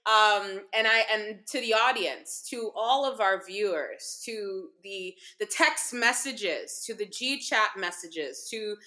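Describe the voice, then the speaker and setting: Speaking slowly with few pauses, this thirty-something woman uses a medium pitch, lively intonation and a bright, forceful tone. She's a cooking-show co-host from Guyana, partly raised in the US, sitting on a living-room sofa in warm, casual conversation with her mother and repeating phrases for stress. The room sounds roomy and echoey.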